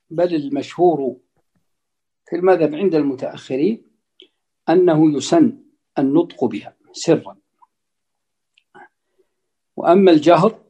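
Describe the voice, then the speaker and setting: A man's voice: medium pitch, mellow, slightly rough. A man teaching as a religious scholar, explaining a classical text line by line and repeating key phrases. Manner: deliberate, repeats phrases for emphasis.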